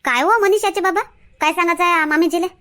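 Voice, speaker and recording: A woman's voice: extremely high pitch, fast talker, bright, forceful tone. A woman with a Varhadi Marathi accent, playing a wife in a scripted village comedy skit, chatty and homely.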